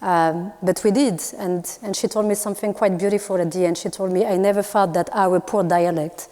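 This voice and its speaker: A Moroccan artist whose first language is Moroccan Arabic gives a thoughtful public talk at a university event, pausing often with many fillers and restarts. Her warm, medium-pitched voice keeps fairly even intonation, and the lecture hall adds long reverb.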